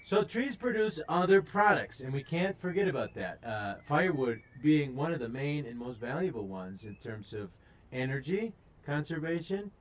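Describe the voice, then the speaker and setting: A man's voice: on the high side, very animated, normal speed. A man with a Wisconsin accent hosting a casual live stream, rambling with plenty of ums and uhs. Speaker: host.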